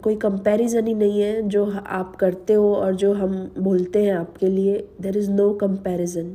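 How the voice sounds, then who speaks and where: A woman with a slightly sore throat, slowly and earnestly telling a devotional testimony to her listeners, mixing English words into her Hindi. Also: mid-range voice, little pitch movement, warm tone. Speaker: devotional channel host. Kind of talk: personal testimony to a spiritual audience.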